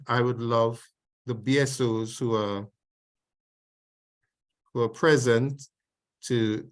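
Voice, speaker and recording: A man hosting an online information session over a video call, speaking in a formal, measured way with frequent restarts. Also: fairly low pitch. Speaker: programme host.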